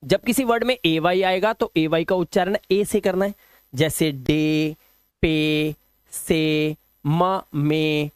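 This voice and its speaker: A man teaching pronunciation rules as a lesson. He drills words slowly, asks the students questions and answers them himself, with homely teasing asides. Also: high-pitched, clear, resonant tone, no echo. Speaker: English teacher.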